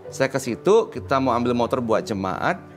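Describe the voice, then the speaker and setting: A man, a pastor, telling a personal story on a religious TV talk show, animated and swinging loud and high when he recounts his anger. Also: moderate pace, soft background music.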